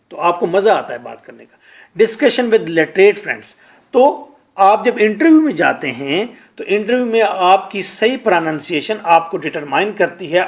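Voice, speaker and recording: A man with a noticeably high voice gives a spoken English lesson. He drills single words slowly and repeats them for his students. He shifts back and forth between his own language and English phrases. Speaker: English lecturer.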